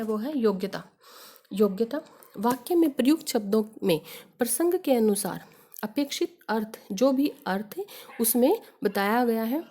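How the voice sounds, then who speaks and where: A woman's voice: a little high, mellow. A woman teacher explaining grammar step by step, working through examples and asking rhetorical questions. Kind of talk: Hindi grammar lesson.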